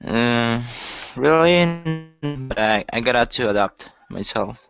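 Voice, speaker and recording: A man from Peru, a student chatting in an online class, halting and searching for words. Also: medium pitch, lively intonation, creaky, a bit bright, lo-fi sound, soft background music. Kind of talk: casual chat in class.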